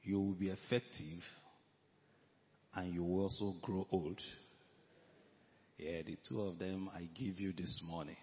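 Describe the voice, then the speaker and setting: A man preaching a sermon to his church, slow and emphatic, repeating his key phrases. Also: sits low, steady tone. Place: church hall. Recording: echoey hall, dull lo-fi sound.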